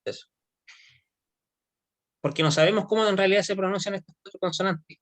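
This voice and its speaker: A man teaching Hebrew grammar in an online class. He speaks at an unhurried pace and keeps pausing to make sure his students are following. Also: high-pitched, fairly even intonation. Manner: explains slowly, often checks with "¿ya?".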